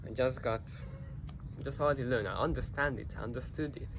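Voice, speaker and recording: A teenage boy, a native Hungarian speaker, vlogs to camera in a mid-range voice at a fairly quick clip. His casual, self-reflective talk is earnest and rambling, packed with fillers and restarts. It was captured on the device's built-in mic, so the recording is noisy.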